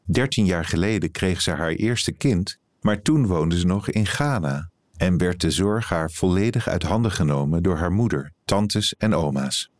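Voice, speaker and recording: A man, an editor, reading a written reportage aloud in calm, even scripted narration. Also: low-pitched, moderate pace, no room sound, clean studio sound.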